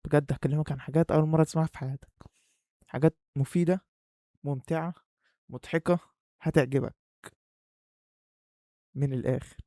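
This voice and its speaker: With a slightly high, steady, mellow voice, a young Egyptian YouTuber speaks briskly but pauses often in a casual, playful vlog aimed at the viewer. He sounds muffled and breathes hard through the face mask he has on. The Egyptian Arabic accent is captured in studio quality with no echo.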